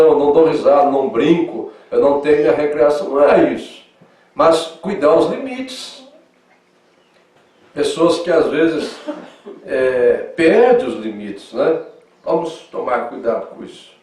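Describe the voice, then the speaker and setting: Male southern Brazilian pastor, fairly high voice, animated teaching, echoey church hall, far mic. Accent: southern Brazilian Portuguese. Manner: animated, swings from loud emphasis to soft asides; acts out quoted dialogue in lively voices. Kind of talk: Sunday school sermon.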